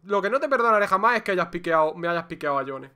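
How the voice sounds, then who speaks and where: Excitable Spanish streamer man. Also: high-pitched, fast, smooth. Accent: Spain Spanish. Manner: excitable, theatrical, joking complaints. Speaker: game streamer. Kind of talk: casual livestream gameplay chatter.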